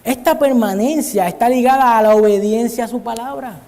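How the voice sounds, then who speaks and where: A very high, warm male voice moves at a fairly quick clip through an earnest Bible study sermon given in a church hall. He regularly calls the listeners brother, and there's a long church-hall reverb on the recording.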